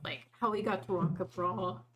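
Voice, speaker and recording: A woman's voice: fairly low pitch, steady tone, moderate pace, a bit bright, a little hiss or hum. A woman casually describing her character's actions as a player in a tabletop role-playing game.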